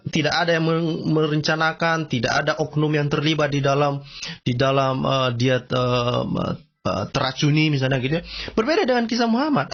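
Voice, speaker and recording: A man giving casual commentary and reading texts aloud, slangy and emphatic, often jumping high in pitch to stress a point. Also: fairly bright tone. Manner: slangy, emphatic, repeats "coy", frequent sudden high-pitched exclamations. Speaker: religious commentator. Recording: dull lo-fi recording.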